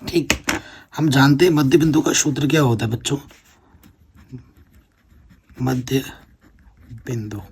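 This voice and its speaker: A man's voice: medium pitch, vocal fry, a little hiss or hum. A man teaching a board-exam maths lesson, working through problems step by step and often checking that the students follow. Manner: explains step by step, keeps checking with "theek hai na".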